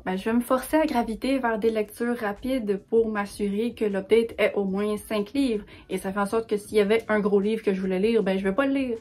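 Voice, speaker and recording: A woman's voice: mid-range voice, darkish tone. A young woman from Quebec with a Québécois French accent, chatting enthusiastically to camera as a book vlogger. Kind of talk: casual vlog talk to camera.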